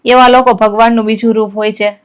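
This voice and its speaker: A woman voicing a loving old village grandfather who speaks softly. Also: on the high side, flat delivery, brisk, clear, resonant tone, close to an everyday voice. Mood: tender. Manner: soft, tender.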